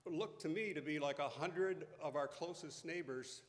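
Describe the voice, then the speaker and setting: A man in his fifties telling a personal story in a sermon, slow and deliberate, growing hushed at tender moments. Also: fairly high pitch. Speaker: pastor. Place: church sanctuary. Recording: echoey church hall.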